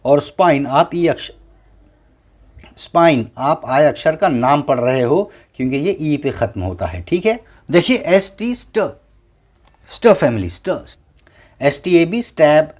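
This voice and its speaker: A man teaching English phonics in a slow classroom lesson, spelling each word out letter by letter and repeating it. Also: a little high, big pitch swings, darkish tone. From India.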